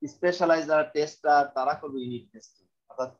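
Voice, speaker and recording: A man's voice: on the high side, fast, lo-fi sound. A male university lecturer, quizzing students in an online class while his internet call audio breaks up. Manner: quizzing students in casual chat. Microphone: computer mic on a video call.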